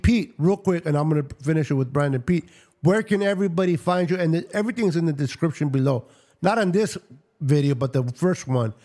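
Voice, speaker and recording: A man's voice: a little high, darkish tone. Laughing, teasing male podcast host. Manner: laughing, teasing, mixes in Spanish slang. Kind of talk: casual podcast banter.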